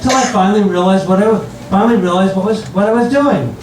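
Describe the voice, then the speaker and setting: An older man performing stand-up comedy in front of an audience, telling stories with halting restarts and repeated phrases. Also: high-pitched, a little mellow, some chatter behind. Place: room with an audience, recorded from a distance. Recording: roomy, distant mic, very noisy.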